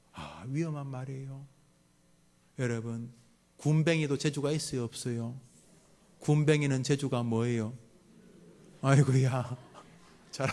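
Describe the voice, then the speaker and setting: A middle-aged man, a pastor giving a sermon to a mothers' prayer meeting, joking and acting out scolding parents. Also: medium pitch. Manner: lively, jokes with the congregation and acts out parents' scolding.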